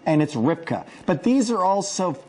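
A woman's voice: lowish voice, big pitch swings, normal speed, a little mellow. A woman presenter on home shopping, chatting off the cuff and often rephrasing. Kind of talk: unscripted live product chat.

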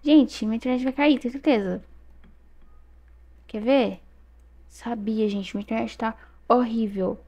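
A young woman with a Brazilian Portuguese accent chats through her gameplay in a rather high voice. She talks straight to her viewers and often breaks into excited exclamations. She is recorded close on a desk mic at her computer. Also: a little slow, long pauses. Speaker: gaming youtuber. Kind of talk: casual gameplay commentary.

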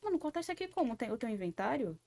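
A woman's voice: on the high side, big pitch swings, very fast, dark tone, no echo. A Brazilian woman streaming a horror game, jumpy and scared, swearing often and talking to herself. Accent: Brazilian Portuguese. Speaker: gaming streamer. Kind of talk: live gaming commentary.

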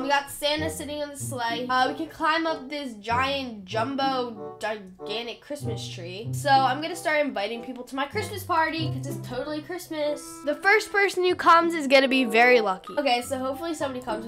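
A woman with a high voice talks through her game in a loose, chatty commentary. She sounds stuffed up and congested and keeps poking fun at herself. Clear music plays underneath. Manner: chatty, playful and self-mocking. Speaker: gaming channel host. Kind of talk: casual gameplay commentary.

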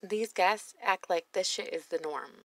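Blunt, sassy woman reacting to a reality show; lowish voice, dry close mic. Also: measured pace, vocal fry, dry recording, poor audio. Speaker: reaction video host. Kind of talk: voice-over commentary on a reality show.

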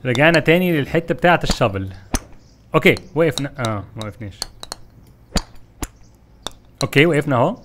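Fast-talking Egyptian man gaming. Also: fairly high pitch, noisy background. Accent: Egyptian Arabic. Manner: animated, frustrated, talks to viewers while playing. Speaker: gaming YouTuber. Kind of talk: gameplay commentary.

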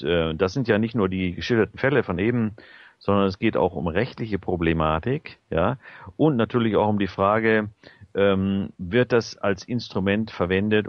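Man, radio talk host, low voice, dry dull lo-fi sound, hesitant. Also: no echo. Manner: hesitant, many fillers.

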